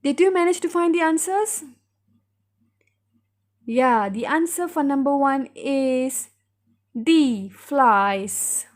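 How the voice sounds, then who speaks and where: A woman teacher giving a recorded reading lesson, reading a story clearly and guiding pupils through questions step by step. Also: sits high, takes it slowly, pauses often.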